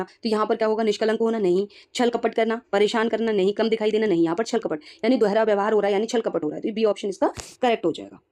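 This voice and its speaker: A woman's voice: a little high, dark tone. A woman teacher working through exam questions one by one and explaining each answer, often putting rhetorical questions to herself and confirming with "ठीक है.".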